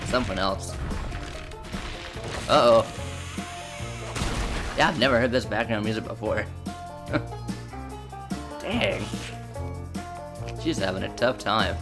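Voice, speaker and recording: A woman giving casual reaction commentary on a cartoon, hesitant and musing. Her voice is very deep and her pace unhurried, with the show's music playing behind her. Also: animated. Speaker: reaction video host. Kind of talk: casual commentary over a show.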